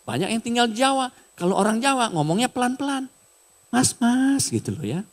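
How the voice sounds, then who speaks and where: A middle-aged man preaching a sermon in a casual, animated way, sometimes raising his voice. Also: extremely high pitch, fast. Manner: casual, animated preaching with raised shouted bits. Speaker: pastor.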